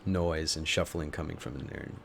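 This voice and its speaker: Male game master, very deep pitch, improvised halting tabletop narration, faint noise behind. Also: vocal fry. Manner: halting, thinks aloud while narrating.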